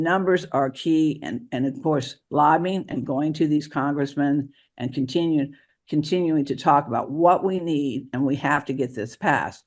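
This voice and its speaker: A man answering interview questions as a guest author and advocate, talking in a halting way with many restarts. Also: on the high side.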